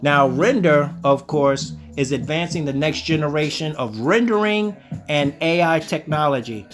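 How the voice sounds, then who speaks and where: A man hosting a crypto video, walking viewers through websites on screen in a self-assured, lecturing way, often saying "ladies and gentlemen" and "okay?". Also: fairly high pitch, normal speed, faint music behind. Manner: self-assured, calls himself the sensei. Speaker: crypto channel host. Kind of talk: screen-share crypto commentary.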